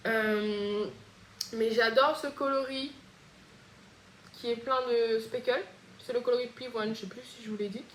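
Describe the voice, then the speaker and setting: Host, female, Réunion French accent; casual, hesitant chat, slightly high pitch, echoey room with faint background noise. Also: steady tone, fairly bright tone. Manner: chatty, hesitant, frequent pauses. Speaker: knitting podcast host.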